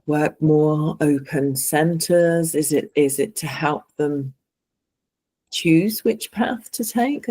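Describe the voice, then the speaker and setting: A woman's voice: low-pitched, a little mellow. A woman sitting with a medium, asking a hesitant, attentive question.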